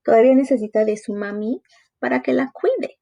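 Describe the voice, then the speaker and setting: A teacher who reads a story aloud and explains it slowly to young children. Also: female voice, a little high, gravelly, mellow. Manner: slow, sing-song, explaining to young children. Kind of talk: reading a story aloud for a lesson.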